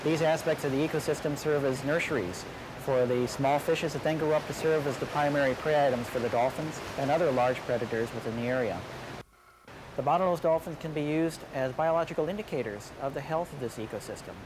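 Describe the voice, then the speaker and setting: A male scientist gives a quick, formal explanation in a nature documentary, his voice a little higher than average. Clear ambient, vehicle-like noise sits behind him. His phrasing is technical. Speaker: dolphin research scientist.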